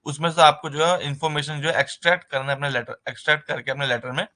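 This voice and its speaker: A man leads a recorded nursing exam lesson in a bright, forward voice. He speaks in a loose, conversational way, mixing terms. He keeps checking in with a short filler. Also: on the high side, fairly even intonation, quick pace. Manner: conversational, repeats "ठीक है" as a filler, mixes English terms into Hindi.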